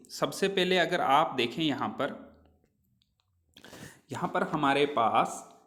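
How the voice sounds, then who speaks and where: Slow, repetitive teacher man. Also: medium pitch, fairly bright tone. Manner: asks and answers his own questions, repeats words slowly; speaks Hindi mixed with English words. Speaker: English teacher. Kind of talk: classroom pronunciation lesson.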